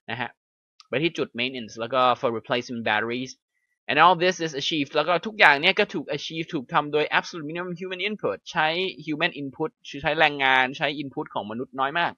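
A Thai-accented young man reads English passages aloud slowly and then explains them briskly in Thai. His tone is bright and forceful. The recording is dry and slightly dull. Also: on the high side, no echo. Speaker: English teacher. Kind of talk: explaining a reading lesson.

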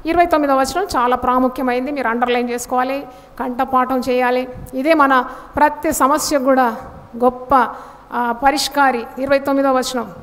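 A woman's voice: high-pitched, fairly even intonation, moderate pace, fairly bright tone. A woman preaching a sermon with emphasis, asking the congregation questions and answering them herself. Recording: long reverb of a hall.

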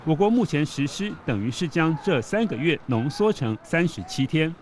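A male reporter giving steady, explanatory news voice-over narration. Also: fairly high pitch, normal speed, background noise.

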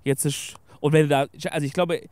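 A man's voice: fairly high pitch, fairly even intonation, fairly quick, a little mellow, no echo. Slangy young male podcast host. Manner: slangy, youthful. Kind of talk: casual chat.

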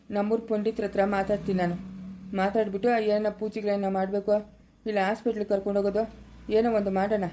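A woman's voice: mid-range voice, dark tone. A woman with a Kannada accent from Chikkaballapura, acting in a family drama, scolding and lecturing a young man.

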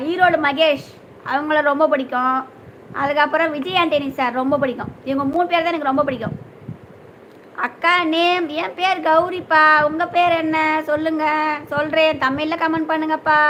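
A young woman hosts a casual live stream, her voice high and bright. She greets viewers one by one, reads their comments aloud and asks after their meals and families, over a faint hum of room noise. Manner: greets viewers by name, asks if they have eaten.

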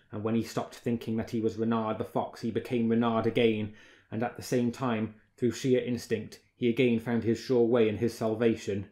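Male audiobook narrator, mid-range voice, measured, expressive fable reading. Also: mid-range voice. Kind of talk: scripted storybook narration.

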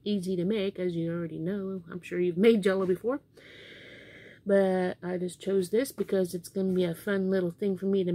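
An older home cooking vlogger from Kansas speaks in a lowish, dark voice with a breathy edge. She chats and thinks aloud to camera while cooking, stepping away from the built-in camera mic at times, with running water and clatter in the background.

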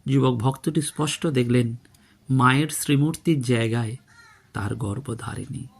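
A man with a Bengali accent giving a slow, measured devotional talk, telling stories and quoting dialogue in a reverent tone. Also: mid-range voice, gravelly, slightly rough. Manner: slow, measured, devout storytelling with quoted dialogue. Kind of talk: reflective spiritual talk.

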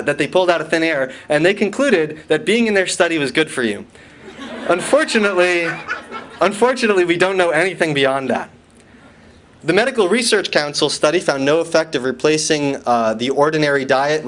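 A man's voice: on the high side, a bit bright. A man giving a conference lecture from slides, with dry, wry asides, questions to the audience and many fillers and restarts.

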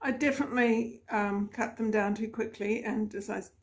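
Woman, gravelly voice, casual garden vlog, chatty, rambling, laughs often. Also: mid-range voice, fairly even intonation, normal speed. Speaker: gardening vlogger. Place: home garden in hot weather.

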